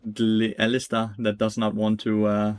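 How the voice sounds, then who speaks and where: A man's voice: lowish voice, monotone, unhurried, a little mellow, clean tone, no room sound. A young man streaming a game, giving blunt, profane commentary, laughing and answering chat. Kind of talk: casual gameplay commentary.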